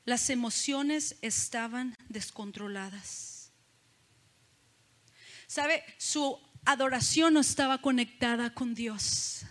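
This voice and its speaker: A woman's voice: on the high side, takes it slowly, a bit bright. A woman preaching a sermon, talking to the congregation and putting questions to them. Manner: conversational, asks the congregation questions.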